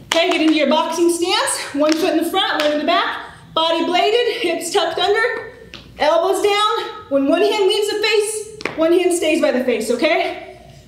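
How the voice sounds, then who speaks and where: A woman's voice: very high-pitched, measured pace. A middle-aged woman working as an aerobics instructor, energetically calling out moves and counts with encouragement as she exercises. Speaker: fitness instructor. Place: large indoor exercise studio with wooden floor. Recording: very echoey studio, clear background noise.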